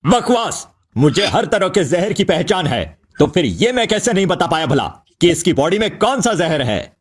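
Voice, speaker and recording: An actor playing an arrogant, jealous doctor who scoffs at a rival, in a dubbed drama. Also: male voice, high voice, sing-song, normal speed, slightly rough, heavily acted. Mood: scornful. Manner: scornful, indignant. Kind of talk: Hindi dub of a drama series.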